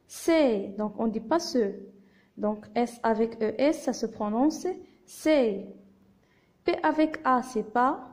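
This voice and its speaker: Woman, Moroccan accent, primary teacher, slow patient phonics, fairly high voice. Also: a little mellow. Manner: spells out syllables and letter sounds patiently. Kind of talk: slow phonics lesson to young children.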